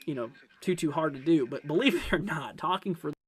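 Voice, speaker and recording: A man with a somewhat higher-pitched voice hosts live severe weather commentary. He talks off the cuff to his viewers, explaining in a rambling way and often repeating his phrases as he works through updates. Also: expressive, brisk, slightly rough. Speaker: weather livestream host.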